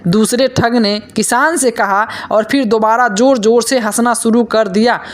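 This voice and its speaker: A woman reading a folk tale aloud in a steady, plain storytelling manner. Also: a little high, normal speed. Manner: steady, plain reading with quoted dialogue read in. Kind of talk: scripted story narration.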